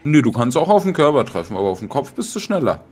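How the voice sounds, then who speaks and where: A man from Bavaria guiding his teammates through a game in casual chat, explaining the mechanics patiently and calling out danger quickly. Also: medium pitch, very animated, a little mellow, breathy edge. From Bavaria, Germany. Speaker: experienced player guiding others. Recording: game music underneath. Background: game music.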